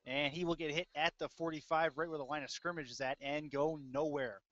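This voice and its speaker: Speaking briskly and steadily, this man calls live football play-by-play in short, clipped bursts with hesitant asides, his voice a little high and a bit bright. A close mic on an audio-only stream gives dull, lo-fi audio with no room sound.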